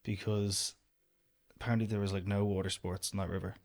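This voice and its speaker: A man's voice: fairly low pitch, a little fast. A young Irish man, an outdoor business owner, talking casually and rambling as a podcast guest. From Ireland. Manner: relaxed, rambling, lots of "do you know". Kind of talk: casual interview chat.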